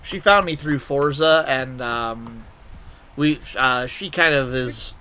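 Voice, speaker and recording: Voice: mid-range voice, slow, sharp tone. A streamer and VTuber host chatting informally and casually on a live stream. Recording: faint background noise.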